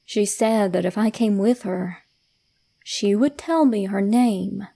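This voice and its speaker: A woman reads a scripted first-person horror story in a soft, hushed, measured storytelling manner with suspenseful pauses. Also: medium pitch, gravelly.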